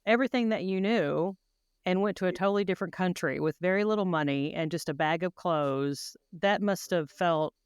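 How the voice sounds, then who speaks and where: A woman's voice: on the low side, normal speed, smooth, no echo, clean studio sound. A woman hosting a podcast interview, effusive and asking long run-on questions. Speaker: podcast host.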